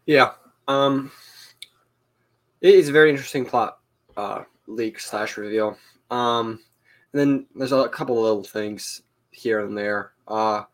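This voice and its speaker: A man co-hosting a casual fan podcast, opinionated and rambling, tagging his points with filler questions. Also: medium pitch. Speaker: podcast co-host.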